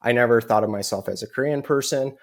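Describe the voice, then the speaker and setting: An American man who is a parent tells a personal story as a podcast guest. He talks fast at a medium pitch, earnestly, filling his speech with lots of "you know."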